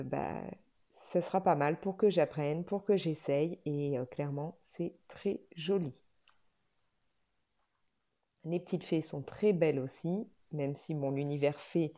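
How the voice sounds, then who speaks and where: A woman's voice: deep voice, dark tone. A woman vlogger chatting casually about a coloring book, with frequent hesitations and restarts. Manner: hesitant, many fillers and restarts. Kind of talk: casual video chat.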